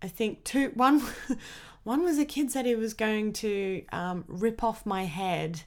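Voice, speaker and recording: An Australian woman, a comedian, chatting casually as a podcast guest, talkative and animated in her storytelling. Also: mid-range voice, takes it slowly. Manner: chatty, with lively acted-out quotes.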